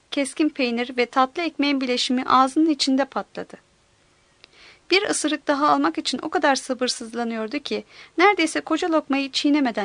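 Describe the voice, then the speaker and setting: In this audiobook narration, a female narrator reads from a novel, her voice high and clear and her pacing even and deliberate. The sound is dry and close-miked, free of any echo or room ambience.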